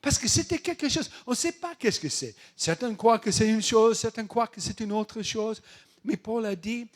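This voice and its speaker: This middle-aged man preaches in French. His voice sits a little high, and he swings between booming and hushed passages, joking as he goes. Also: moderate pace. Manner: animated, humorous, swings from loud to soft. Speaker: pastor. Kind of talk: sermon.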